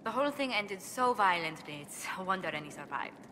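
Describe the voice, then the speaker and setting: A medium-pitched, pushed and bright female voice, animated and a little fast, delivers a scripted fantasy game cutscene as an earnest, refined noblewoman diplomat, polite, formal and articulate in a diplomatic mood. Long hall reverb, faint background ambience and slight hiss or hum are audible.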